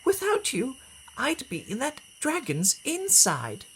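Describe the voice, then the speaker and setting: A storybook narrator voicing an excitable, grateful female witch with exclaiming, very expressive delivery. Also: high voice, takes it slowly, slight background noise, full character voice. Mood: relieved, grateful.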